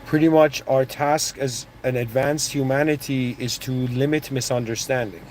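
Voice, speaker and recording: A man's voice: mid-range voice, steady tone, moderate pace, a little mellow, slight background noise, rough recording. A man born in Iran and raised in Canada, giving a casual, rambling motivational talk full of restarts and asides. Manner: rambling, with restarts and "you know what I mean". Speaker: motivational speaker.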